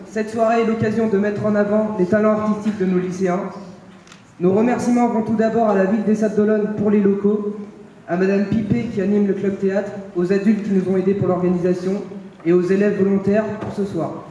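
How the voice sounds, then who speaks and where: A teenage boy presenting a school show, reading a formal welcome in a steady voice, heard from far off in an echoey hall. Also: high-pitched, a little fast, highs cut off. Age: teens. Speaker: event presenter. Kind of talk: read welcome speech.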